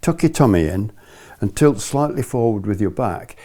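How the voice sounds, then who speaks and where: Older male ski instructor, low and soft-edged, patiently walking a small group through technique step by step. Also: expressive, moderate pace. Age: older, about 70s. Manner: patient, methodical, repeats key points. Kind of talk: hands-on lesson explanation to a small group. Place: living room, indoors.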